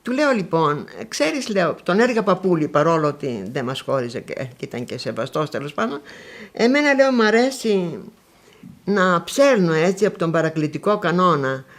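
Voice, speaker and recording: An elderly grandmother from northwestern Greece, recounting memories in an interview and acting out remembered conversations as she tells them. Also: fairly low pitch. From Konitsa area, northwestern Greece. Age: older. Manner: lively storytelling, acting out remembered dialogues.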